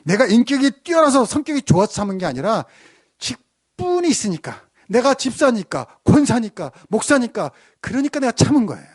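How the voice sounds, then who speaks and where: Animated high-voiced pastor preaching. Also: male voice, fairly quick, slightly rough, dry recording, clean studio sound. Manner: lively storytelling with rhetorical questions to the congregation. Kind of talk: sermon. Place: church sanctuary.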